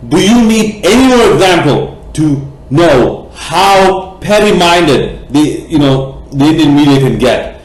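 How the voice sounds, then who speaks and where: A man's voice: fairly high pitch, animated, measured pace. Passionate rambling man, echoey room. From Bangladesh. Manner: passionate, rambling, many fillers and restarts, blunt and profane. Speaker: cricket vlogger. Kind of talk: opinionated vlog rant.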